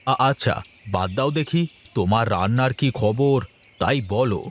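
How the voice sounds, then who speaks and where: A man voicing an easygoing village farmer father in a cartoon, calm and indulgent toward his son. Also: mid-range voice, normal speed, a little hiss or hum, close to an everyday voice. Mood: soothing. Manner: soothing, indulgent, good-humoured. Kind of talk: cartoon voice acting.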